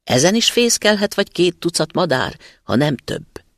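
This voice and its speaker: A sly young student, voiced by a male reader, answering with cheeky, quick wit in a somewhat raised voice. His pitch moves a lot, with a gravelly edge. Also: sing-song, fairly bright tone, no echo, clean studio sound, exaggerated voice. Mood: musing. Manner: cheeky, quick-witted replies.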